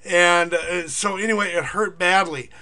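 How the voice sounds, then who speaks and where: An online income marketer and teacher with a high, bright voice rambles through a casual screen-recorded sales pitch, his intonation fairly even. He packs in fillers and reads off figures in a quick list.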